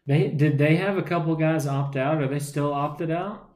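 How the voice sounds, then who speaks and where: Man, sports podcast co-host, slightly higher voice, chatty, echoey room. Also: moderate pace, darkish tone. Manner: loose, chatty, laughs easily. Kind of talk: casual sports talk. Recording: roomy echo.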